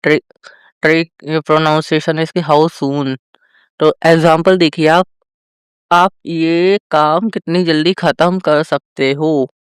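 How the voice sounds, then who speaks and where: Man, vocabulary teacher, slightly high voice, very slow delivery, drawn-out examples. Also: fairly even intonation, clean tone, no room sound, studio quality. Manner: addresses viewers as friends. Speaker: English teacher. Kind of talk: vocabulary lesson.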